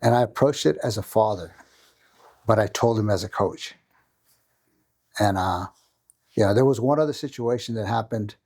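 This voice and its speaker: Mellow-voiced middle-aged coach. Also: male voice, lowish voice, moderate pace, long pauses. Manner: rambling anecdote with many tag questions. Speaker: jiu-jitsu coach and father. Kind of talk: storytelling in a podcast interview.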